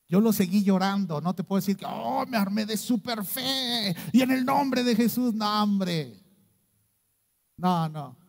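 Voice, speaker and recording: A middle-aged man with a Mexican accent preaching a sermon, swinging between loud outbursts and hushed low lines. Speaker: pastor. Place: church. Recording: long reverb of a church hall.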